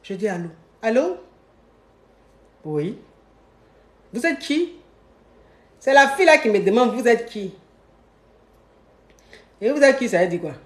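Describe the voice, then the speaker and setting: A woman with an Ivorian French accent recounts a story in a casual, animated way, slipping into the voices of the people she quotes. Her voice sits at a middle pitch for a woman and rings with a roomy echo. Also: normal speed, pauses often.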